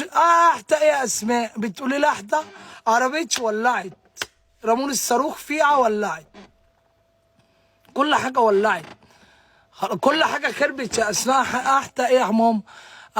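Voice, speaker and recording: Young man, Egyptian accent, sharp bright voice, dry close sound, distraught, stammering, repetitive live stream rant. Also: very high-pitched, fast, long pauses, husky, no room sound. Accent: Egyptian Arabic. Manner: distraught, repeats himself, stammers. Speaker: livestreamer.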